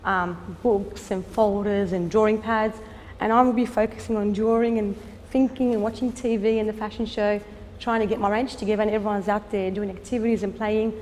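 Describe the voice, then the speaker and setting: A woman, a fashion designer speaking in a documentary interview, earnest and unhurried, with frequent "um" pauses. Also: mid-range voice, fairly even intonation, darkish tone, big-room sound, slight background noise. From Australia. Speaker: fashion designer and business owner.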